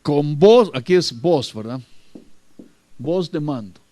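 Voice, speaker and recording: A man's voice: a little high, expressive, slow, dark tone, dry recording. A man preaching a sermon, emphatic and repetitive, often addressing his listeners as brother.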